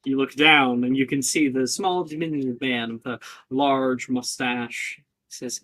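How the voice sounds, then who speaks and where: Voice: mid-range voice, steady tone, measured pace, a bit bright. A game master narrating an improvised tabletop fantasy game.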